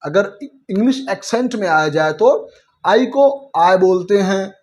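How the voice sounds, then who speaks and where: A man with an Indian accent teaching English letter sounds, repeating each point slowly as he explains. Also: high-pitched, expressive, darkish tone. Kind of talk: spoken alphabet pronunciation lesson.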